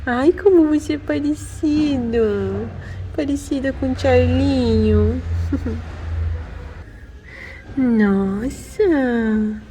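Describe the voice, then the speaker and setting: A woman talking to cats outdoors in cooing, high-pitched baby talk full of diminutives. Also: very slow, pauses often, warm tone, a little hiss or hum. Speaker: vlogger with her cat.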